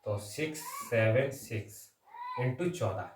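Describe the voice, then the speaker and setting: This male maths teacher has a mid-range voice with lively intonation and talks slowly over some background noise. The sound is roomy and echoey, with the mic far off. In his exam-prep lesson he works through sums aloud step by step, using English number words and terms and repeatedly tacking on short check-in tags.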